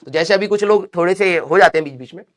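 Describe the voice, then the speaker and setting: A male teacher with a Hindi accent and a fairly high voice is lecturing students in a live class. Though unwell and speaking slowly, he still lectures and scolds them, addressing them as "beta."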